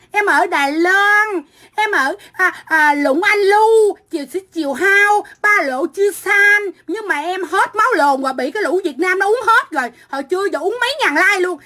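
A middle-aged woman from Vietnam, delivering a profane, combative livestream rant into a phone. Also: extremely high pitch. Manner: profane, combative, shouting insults.

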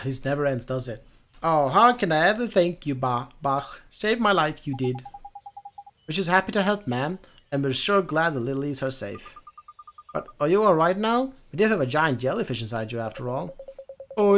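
Streamer reading game lines aloud, a man, lively pitch, fairly high voice, faint music behind. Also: slight background noise. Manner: reads every character's lines himself, animated. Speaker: lets-play streamer.

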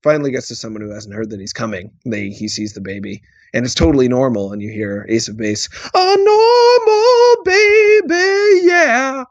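A man improvising an animated comic story on a podcast, bursting into laughter. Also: on the low side, fast talker, breathy edge, dry recording, dull audio. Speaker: comedy podcast host.

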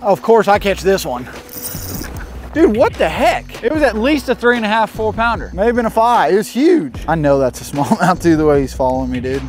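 A young professional bass angler gives running commentary on his fishing day from a bass boat out on an open lake. Between casts he talks casually to himself and to the camera crew. His voice is high-pitched and brisk, with lively intonation.

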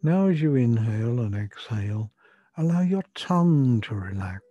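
An older man with a soft, breathy voice gently guiding a breathing and relaxation meditation in soothing, measured instructions. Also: medium pitch, expressive, no room sound. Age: 60s or older. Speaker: relaxation therapy guide. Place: furnished room at home. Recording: dull lo-fi sound, music behind. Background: music.

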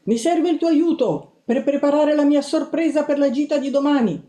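Woman voicing a young female mouse reporter, high and breathless, urgent, insistent, roomy echo. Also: mellow, natural voice. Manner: urgent, rapid-fire, insistent.

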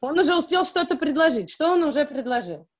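A woman teaching French, reading a graded reader aloud slowly and explaining it in Russian. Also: high-pitched, big pitch swings. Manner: slow, careful reading with pauses to translate. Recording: dull, lo-fi recording.

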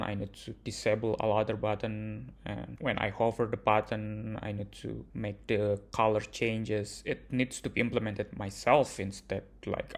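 A young indie game developer narrates his own devlog plainly and earnestly, with some non-native phrasing, in a creaky, medium-pitched voice.

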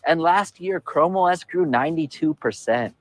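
A man's voice: on the high side, no room sound, soft background music. Man giving a polished tech keynote. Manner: upbeat, measured corporate delivery. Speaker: tech company presenter. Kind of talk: scripted keynote presentation. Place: outdoor rooftop in a city.

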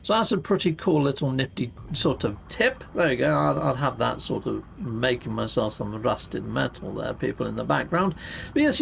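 Seated at his home streaming rig, this middle-aged gaming YouTuber keeps the stream chat casual, bursting with enthusiasm and playful catchphrases. His voice runs on the high side with a creaky texture, over slight background noise.

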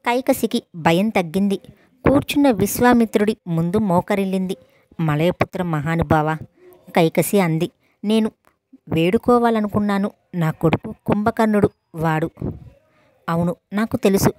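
A woman reading a novel aloud as an audiobook narrator, in a steady storytelling manner, voicing the characters' dialogue in her own voice. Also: mid-range voice, normal speed, no room sound.

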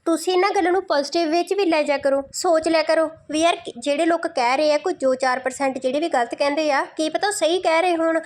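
A woman's voice: very high voice, fast, few pauses. A woman giving mocking, insulting roast commentary in a scolding, sarcastic tone.

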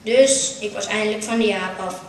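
A woman's voice: mid-range voice, normal speed, a little hiss or hum. Woman, Brabant Dutch accent, comic stage monologue, roomy hall, distant mic. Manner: storytelling with punchlines, lively. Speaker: carnival stage performer. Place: small theatre stage.

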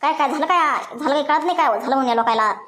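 A woman's voice: sits high, a bit bright. A woman voicing a scheming, quarrelsome young village daughter-in-law in a cartoon story. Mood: angry scolding. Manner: quarrelsome, rapid, indignant. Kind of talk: cartoon voice acting.

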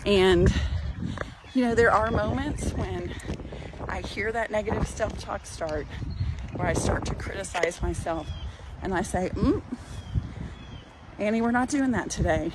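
Speaking at a measured pace with frequent pauses, an older woman in a mid-range voice vlogs casually as she walks outside in a parking lot. The cooking channel host is warm, chatty and encouraging, recording on a phone at arm's length that captures clear background noise.

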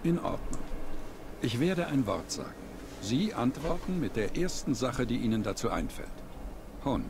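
An actor voicing a calm male doctor in a video game, asking his patient questions in a measured, clinical way. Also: medium pitch, background noise. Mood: calm questioning. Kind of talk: German video game dub.

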